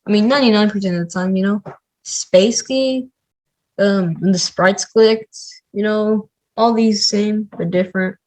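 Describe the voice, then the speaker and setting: A man's voice: high-pitched, steady tone, a little slow, darkish tone, rough recording. A man teaching a coding tutorial in a casual, chatty way, with many "like" and "um" fillers. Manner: chatty, filler-heavy, says "like" a lot. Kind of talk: casual screen-recorded tutorial.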